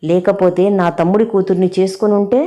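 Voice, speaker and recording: A woman voicing a sarcastic, sharp-tongued middle-aged mother-in-law in a storybook drama. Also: mid-range voice, steady tone, fairly quick, pitched above the performer's own voice, natural voice. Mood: scornful.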